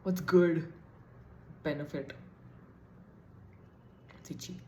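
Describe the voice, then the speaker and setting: Low-voiced woman chatting in echoey room. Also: fairly even intonation, slow pace, mellow. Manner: chatty, thinking aloud, self-deprecating. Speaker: beauty vlogger. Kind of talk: casual get-ready-with-me chat.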